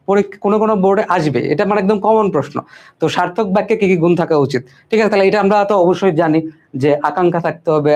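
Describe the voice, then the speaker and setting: Fast-talking young male tutor. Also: on the high side, darkish tone. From Bangladesh. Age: young adult. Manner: repetitive, reassuring, mixes English words. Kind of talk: online exam-prep lesson.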